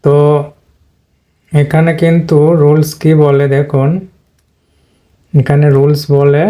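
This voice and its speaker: A man gives a plain, repetitive lesson on English pronunciation, going point by point. His voice is dark and mellow, with very little rise and fall, and he clears his throat now and then. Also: on the high side, level tone, slow pace. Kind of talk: whiteboard lesson explanation.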